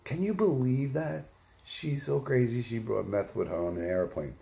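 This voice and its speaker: A man's voice: medium pitch, normal speed, creaky, dark tone. A man hosting a livestream, telling crude, profane, rambling stories and correcting his own details as he goes. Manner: self-correcting, second-guesses details. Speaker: livestream host. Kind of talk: casual storytelling monologue. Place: home livestream setup.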